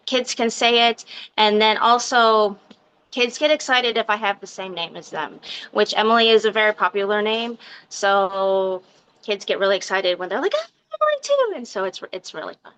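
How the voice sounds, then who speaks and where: A woman with a very clear, bright voice that has the sweetness of a cartoon princess. She talks in a chatty, expressive way, as a guest in a relaxed interview. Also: medium pitch, rough recording. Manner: chatty, expressive, quick to laugh. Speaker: podcast guest, mermaid performer. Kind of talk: casual interview chat.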